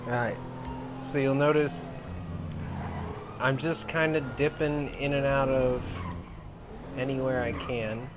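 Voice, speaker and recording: Casting: young male let's-player, mid-range pitch, loose slangy chatter with swearing, clear background noise. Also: flat delivery, takes it slowly, pauses often. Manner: slangy, profane, rambling. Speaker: gaming commentator. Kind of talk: casual let's play commentary. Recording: clearly noisy, game engine sounds behind.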